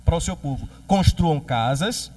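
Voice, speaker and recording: A man with a Brazilian Portuguese accent preaching a sermon as pastor, lively and joking, acting out quoted voices. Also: fairly high pitch, normal speed, distant mic.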